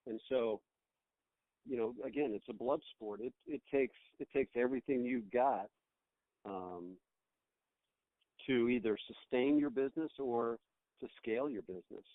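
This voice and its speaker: Over a tinny, band-limited phone line with a dry recording, a middle-aged man from the United States speaks at medium pitch and a measured pace, leaving long pauses. Interviewed as a business owner, he is reflective and rambling, frequently repeating words to rephrase.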